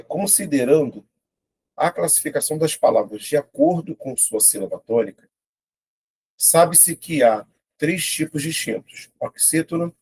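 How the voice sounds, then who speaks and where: Husky-voiced man teaching a chatty lesson. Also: mid-range voice, darkish tone. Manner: chatty, explains step by step aloud, colloquial. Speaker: Portuguese teacher. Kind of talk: casual online lesson.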